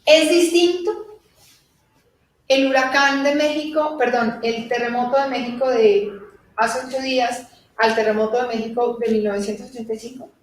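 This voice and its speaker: A woman giving a live spiritual talk to an audience, animated and laughing as she acts out little dialogues. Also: fairly high pitch, normal speed, a little hiss or hum. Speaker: spiritual teacher. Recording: echoey room from a distant mic.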